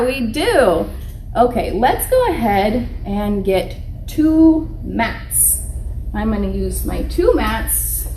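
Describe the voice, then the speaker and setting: A woman's voice: on the high side, slight background noise, rough recording. A woman teaching young children like a kids show host, encouraging, with simple phrases and sing-song check-in questions. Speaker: Montessori preschool teacher. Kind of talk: live children's lesson.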